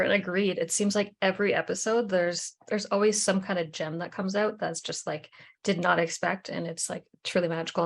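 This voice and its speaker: A woman's voice: on the low side, creaky. A woman co-hosting a podcast, chatting casually and eagerly, with many fillers and "like"s. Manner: enthusiastic, filler-heavy with "like". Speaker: podcast co-host. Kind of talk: casual chat.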